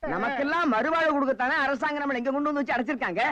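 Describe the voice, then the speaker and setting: Meek, high-voiced beggar. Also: male voice, racing, pushed and bright, no room sound. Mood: consoling. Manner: coaxing, consoling, naive. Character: meek beggar man comforting his fellows. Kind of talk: 1980s Tamil film comedy dialogue.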